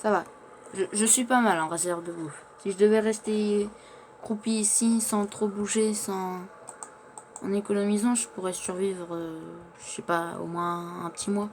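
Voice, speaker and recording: A man's voice: sits high, steady tone, normal speed, slight background noise. A man playing in character, chatting through his survival game and narrating what he does, often stumbling over his words. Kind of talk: in-character survival gameplay commentary.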